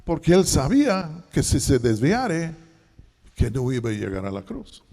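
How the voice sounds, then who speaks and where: A man preaching a sermon, dramatic and shifting between loud and hushed. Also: medium pitch, wildly swooping pitch, measured pace, in a large hall. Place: church.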